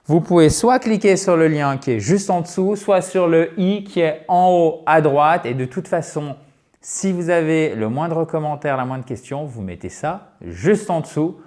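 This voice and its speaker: Middle-aged male English teacher, higher register, conversational to-camera promo, addresses viewers as friends. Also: animated, measured pace, a little mellow. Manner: chatty, keeps checking in with "ok?". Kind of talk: direct-to-viewer course promotion.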